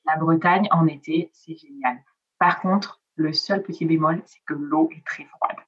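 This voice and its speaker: A middle-aged woman from southern France, whose first language is Italian, chats casually in an interview with a low, husky voice at a measured pace. She hesitates often and lets her sentences trail off, and the audio sounds dull.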